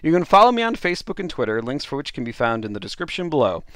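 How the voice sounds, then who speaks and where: A man's voice: mid-range voice, big pitch swings, fast talker, a bit bright, dry recording, studio quality. A man narrating a dubbed storybook play as host, with playful, chuckling asides.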